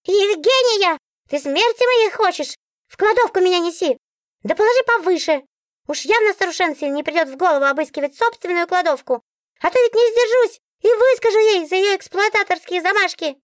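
A woman voicing a bossy, indignant female talking magic book in an audiobook, with a shrill, very high voice. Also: lively intonation, fairly quick, no echo, clean studio sound. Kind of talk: audiobook character voice.

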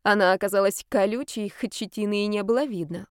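A woman narrating a story in the first person with an even, measured reading. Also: mid-range voice, clear, resonant tone, no room sound, studio quality. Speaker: audiobook narrator.

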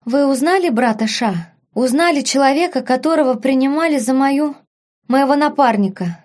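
A woman's voice: high-pitched, moderate pace, a little mellow, pitched above the performer's own voice, natural voice. A woman voicing a poisoned young princess who wheezes and struggles for breath while pleading urgently. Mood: weak pleading. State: wheezing, coughing up blood.

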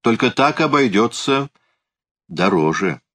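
A man voicing a bold, mocking Highland swordsman in an audiobook, blunt and scornful as he bargains. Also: big pitch swings, measured pace, fairly bright tone. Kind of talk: audiobook character reading.

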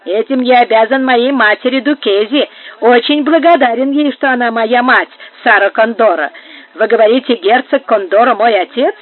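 A naive, simple-minded young man chatters with giddy delight, as a woman reader puts him on. His voice is pitched up and loud with excitement. The sound is tinny, like a phone line. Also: moderate pace, lightly acted. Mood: gleeful.

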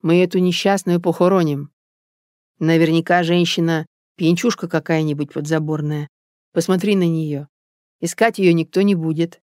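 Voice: mid-range voice, fairly even intonation, normal speed, darkish tone, no echo, close to an everyday voice. A stern older village mother with a firm, commanding voice, as an audiobook reader puts her on. She insists and does not back down. The sound is close and very dry. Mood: insistent. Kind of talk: audiobook character voice.

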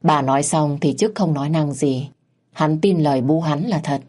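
A woman narrating a story in a steady, plain way. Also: low-pitched, normal speed.

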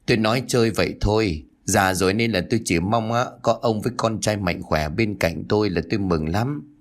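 A man's voice: on the low side, fairly quick, lightly acted. A man voicing an anxious elderly village wife who talks in a fretful, pleading way.

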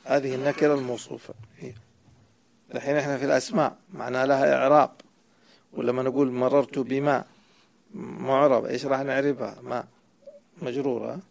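A man's voice: mid-range voice, level tone, brisk, creaky, long pauses. A man explaining a grammar poem to a student, quizzing and correcting him as he goes. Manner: asks the student questions and corrects answers. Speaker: sheikh teaching Arabic grammar.

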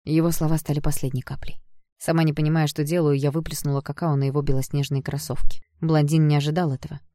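Mellow-voiced woman narrating an audiobook. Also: low voice, fast talker, no echo, clean studio sound. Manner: expressive storytelling. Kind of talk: first-person audiobook narration.

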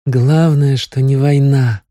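A man's voice: medium pitch, steady tone, slow pace, warm tone, no echo, studio quality, pitched above the performer's own voice, lightly acted. A teasing, lovestruck young village woman, as a man reads her. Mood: earnest, teasing. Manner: pleading, playful, raised girlish voice.

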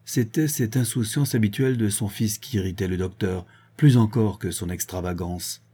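A man narrates a classic novel in an even, measured way. His voice is low and dark, with a soft husky grain. The delivery is steady, as in scripted audiobook reading. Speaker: audiobook reader.

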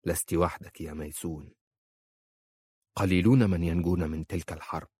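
A man reading an audiobook and voicing a calm, devoted young man who speaks quietly and firmly. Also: low voice, a little fast, husky. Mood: tender. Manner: quiet and firm. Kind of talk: audiobook character voice.

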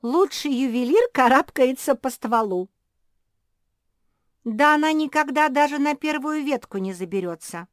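A woman reading aloud and voicing the youngest pug sister, a shrill, exclamatory little dog. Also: animated, unhurried, no room sound, studio quality. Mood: excited.

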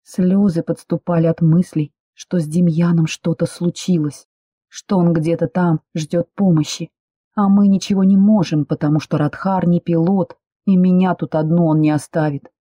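A woman narrating a first-person novel as an audiobook, with steady, expressive storytelling. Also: lowish voice, normal speed, husky, dry recording, studio quality.

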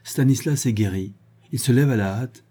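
A man reading a literary short story aloud in a measured, expressive manner. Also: medium pitch, slightly rough. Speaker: audiobook reader. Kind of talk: literary narration.

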